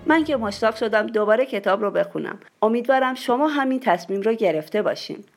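A woman's voice: on the high side, lively intonation, vocal fry, soft background music. A woman hosting a book program, presenting a book with enthusiasm.

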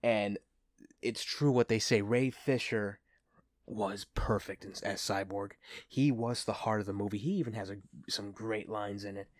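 A man with a fairly low voice gushes like an excited fan as he hosts a casual movie review. The sound is dry and close, with no room echo. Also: normal speed. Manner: enthusiastic, gushing fan talk. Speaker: host of a movie review show.

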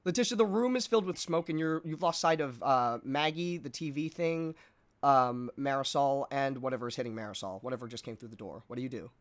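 A man's voice: mid-range voice, fairly quick. Man game master narrating action scenes. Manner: explains rules, then narrates scenes with many "um"s.

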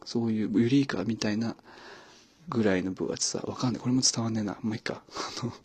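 A man hosting a casual solo podcast, talking quietly and mumbling, with self-deprecating asides. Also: fairly low pitch, quick pace, slightly rough, dry recording. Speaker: podcast host.

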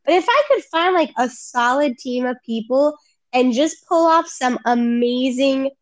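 A woman's voice: high voice, measured pace, no echo. A young woman co-hosting a podcast in casual chat, laughing often and acting out lines she quotes. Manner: giggly, animated, acts out quotes. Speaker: podcast co-host.

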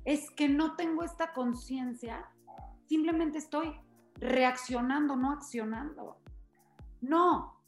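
A woman's voice: high-pitched, roomy sound. A woman host, explaining things earnestly and with emphasis in a conversational interview.

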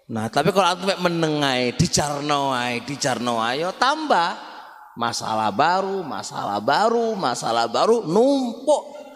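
A man with an East Javanese accent giving an Islamic study lecture in a conversational way, repeating words and often turning to his listeners. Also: on the high side. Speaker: Islamic religious teacher. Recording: reverberant hall.

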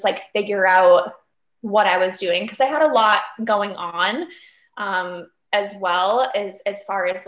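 A woman's voice: mid-range voice, fairly bright tone. Chatty 25-year-old woman in an echoey room. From Cape Cod, Massachusetts. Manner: chatty, upbeat, with many fillers like "um" and "like". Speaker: guest. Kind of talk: casual podcast interview. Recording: roomy echo.

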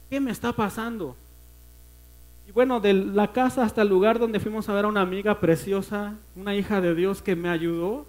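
High-voiced Mexican man giving testimony. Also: poor audio. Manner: earnest, emotional storytelling that often sinks to a hushed voice. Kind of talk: personal testimony sermon. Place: church service.

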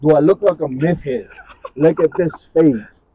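Male podcast co-host, 20s, high pitch, animated slangy storyteller. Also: moderate pace, slightly rough, no room sound, dull audio. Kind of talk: casual chat.

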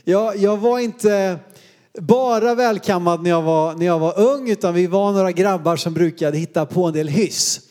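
A man's voice: sits high, darkish tone. A man in his thirties from Sweden, preaching a sermon and telling funny, self-deprecating stories from his boyhood. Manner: humorous, self-deprecating storyteller. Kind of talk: sermon with personal anecdotes.

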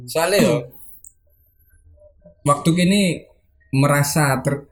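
A man's voice: a little high, takes it slowly, crowd noise. A young man hosting a casual chat, asking questions and talking reflectively. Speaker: host.

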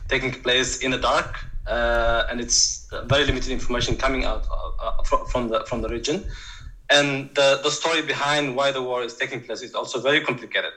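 Male guest activist, bright timbre, halting interview delivery. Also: mid-range voice, steady tone, low-quality recording. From Tigray, Ethiopia. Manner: hesitant, many fillers and restarts. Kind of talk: interview answers.

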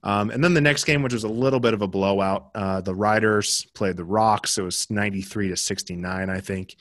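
A man's voice: lowish voice, fairly even intonation, brisk, fairly bright tone, dry recording, clean studio sound. A young American man co-hosting a podcast, chatting casually about basketball results with plenty of fillers and restarts. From United States. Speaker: podcast co-host. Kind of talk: casual sports chat.

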